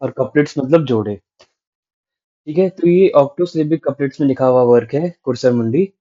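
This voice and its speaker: A male literature teacher lectures in mixed Hindi and English, explaining step by step and often checking with the class. His voice is dark and mellow, and the recording sounds dull and lo-fi. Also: medium pitch. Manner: explains patiently, checking in with 'right?'.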